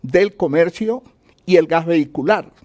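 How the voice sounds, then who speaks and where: A man's voice: a little high, unhurried, a little mellow. A man speaking as an economist in an interview, explaining point by point and answering his own questions. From Colombia. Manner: didactic, poses questions and answers them, enumerates points.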